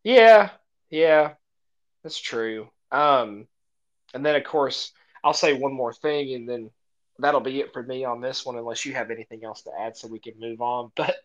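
A man's voice: medium pitch, moderate pace, highs cut off. An American man co-hosting a podcast in casual chat, often laughing as he talks. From United States. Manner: laughs often mid-sentence. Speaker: podcast co-host.

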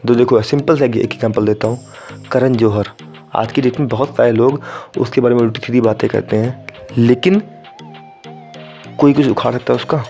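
A man's voice: mid-range voice, steady tone, moderate pace, pauses often, mellow, faint music behind. A young man from India hosting a solo podcast, talking casually and directly to his listeners and slipping English phrases into his sentences. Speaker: podcast host.

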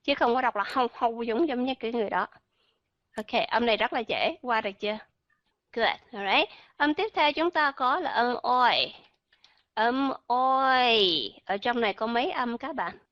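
A woman's voice: fairly high pitch, animated, normal speed, fairly bright tone, no room sound, highs cut off. A woman teaching pronunciation in an online lesson, explaining patiently and drawing out example sounds.

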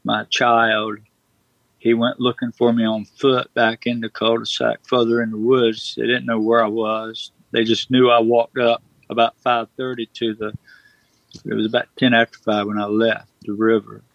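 A man tells a rambling first-person story in a flat, level voice, stopping to restart and correct himself as he goes. The sound is dry and dull, like a lo-fi recording. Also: mid-range voice, normal speed, gravelly, no room sound. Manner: plain-spoken, restarts and self-corrects often. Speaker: guest recounting a personal experience.

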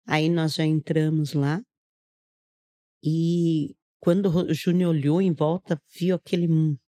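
A middle-aged woman from Brazil tells a personal testimony in a casual podcast chat. She speaks earnestly and narrates step by step, slipping into the words of the people in her story. Her voice sits a little low and sounds soft and mellow. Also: level tone, measured pace. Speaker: guest giving a testimony.

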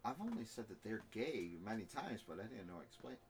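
A man's voice: on the low side, big pitch swings, a little fast, slight background noise. A man co-hosting a casual group podcast chat, teasing and joking with the others. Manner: teasing, joking, laughs a lot. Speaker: podcast co-host.

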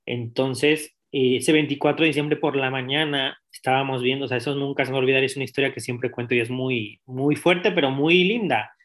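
A man's voice: mid-range voice, steady tone, fairly quick, few pauses, fairly bright tone. Candid young man. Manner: direct, candid, many restarts and fillers. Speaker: guest. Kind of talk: personal storytelling in an interview.

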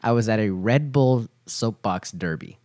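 A man's voice: on the low side, unhurried, a little mellow, no echo. A man co-hosting a podcast in casual chat, dropping wry, teasing quips. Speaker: podcast co-host.

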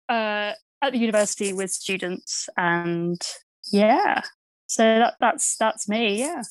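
A woman's voice: on the high side, no room sound, rough recording. A woman in her thirties with an Essex accent, chatting casually as an interview guest in a playful, self-deprecating way. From Essex, England. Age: 30s. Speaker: podcast guest, university archaeologist.

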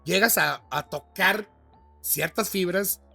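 A podcast host with a high, gravelly and husky voice chats in a relaxed, slang-filled way and praises his guest. Faint music sits in the background. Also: slow pace. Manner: slangy, admiring interviewer. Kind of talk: casual podcast chat.

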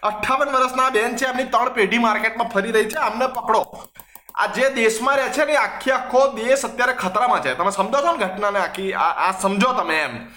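Young male comedy host, bright sarcastic mock newsreader, roomy sound. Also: very high-pitched, brisk, slight background noise. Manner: sarcastic, mixes in English words. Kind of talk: comedic mock news monologue. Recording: echoey room.

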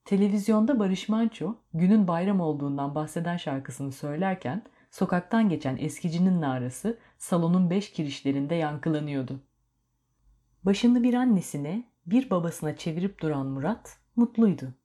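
Woman reading a story out, low voice, steady and measured. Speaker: narrator. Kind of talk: storybook narration.

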